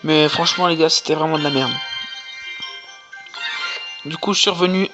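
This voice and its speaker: Gamer chatting through gameplay, slangy and exclamatory, medium pitch, music clearly behind. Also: fairly even intonation, normal speed, muffled recording. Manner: informal, slangy, exclaiming at plays. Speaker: gaming video creator. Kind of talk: casual gameplay commentary.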